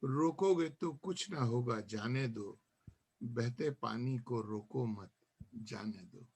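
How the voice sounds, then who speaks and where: A man reciting his own poem at a literary gathering, in a measured style with repeated refrains, then telling a story about an earlier poetry evening. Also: medium pitch, darkish tone, husky. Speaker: poet.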